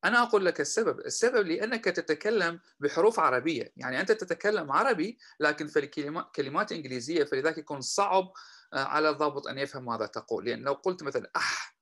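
A man teaching a citizenship interview lesson. He stretches out each practice phrase slowly and repeats it, then explains quickly between examples. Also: fairly high pitch, lively intonation, a bit bright, low-quality recording. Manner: slow, drawn-out repetition when modeling phrases. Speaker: language teacher.

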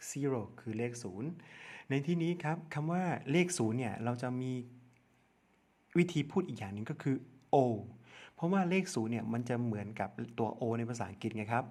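A man with a Thai accent teaching young children English numbers, spelling out letters one at a time and repeating each word slowly. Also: medium pitch, animated, a little mellow. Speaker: primary school English teacher. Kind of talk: slow step-by-step lesson narration.

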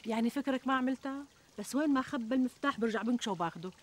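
An actress playing a plump, middle-aged Syrian housewife who complains expressively and plaintively in a TV comedy. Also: female voice, a little high, racing, natural voice. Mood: exasperated, insistent. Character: plump, fretful, self-deprecating housewife and mother. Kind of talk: conversational TV comedy sketch acting. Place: outdoors in a garden. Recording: outdoor ambience, trickling water noise.

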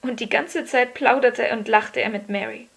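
A woman giving a calm, measured scripted narration of a children's story. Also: on the high side, gravelly, slightly rough. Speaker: audiobook narrator.

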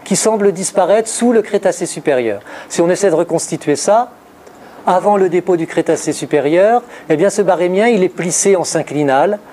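A middle-aged man lectures on geology with slides in a university setting, his high-pitched, somewhat dark voice running steadily through place names while he frequently corrects himself and leans on fillers. Slight background noise comes through the room mic of a distant camera in the large indoor hall with blackboards.

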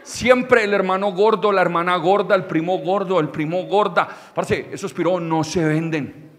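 A young Colombian man doing stand-up comedy storytelling, animated, with loud outbursts and crude slang. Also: high voice, moderate pace, big-room sound.

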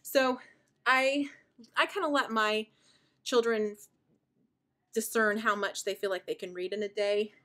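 A woman's voice: mid-range voice, fairly even intonation, measured pace, long pauses. A woman in her thirties, a homeschooling mother, explaining her curriculum in a chatty, enthusiastic way while out of breath and sighing. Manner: chatty and warmly enthusiastic, with fillers. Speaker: homeschooling mother and video host. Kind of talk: casual show-and-tell explanation.

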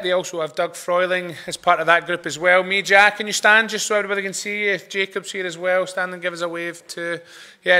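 A man in his thirties with a Glaswegian accent speaks in a very bright, forceful voice, pitched a little high. He sounds like a chapel leader talking to his congregation from a lectern. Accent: Glaswegian Scottish. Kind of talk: informal spoken announcements from a lectern. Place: brick-walled chapel with a seated congregation. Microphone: lectern microphone.

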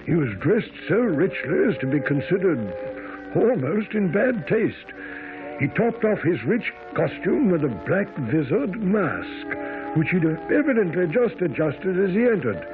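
An actor playing a mild, loyal doctor companion, speaking in a measured way in a radio mystery. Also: male voice, sits high, sing-song, over music. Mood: measured narrating. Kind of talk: radio drama acting and narration. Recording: tinny old radio recording.

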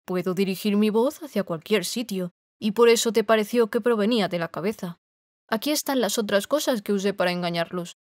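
A woman's voice: mid-range voice, brisk, a little mellow, no echo, studio quality, lightly acted. A woman voicing a timid aging little man who poses as a great wizard, speaking meekly and shakily in an audiobook. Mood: explaining. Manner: shaky, meek.

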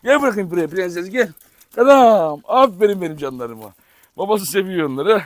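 A man vlogging outdoors as he handles his dogs, switching between affectionate baby talk and sudden shouts to keep them in line. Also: high voice, lively intonation, moderate pace, no room sound, studio quality. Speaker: dog breeder and vlogger. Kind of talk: casual vlog narration while handling dogs. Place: outdoor yard with dog kennels.

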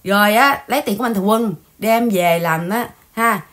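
A woman's voice: mid-range voice, moderate pace, fairly bright tone. Scolding Vietnamese-American woman host. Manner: scolding, mocking gossip. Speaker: channel host. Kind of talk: casual livestream chat.

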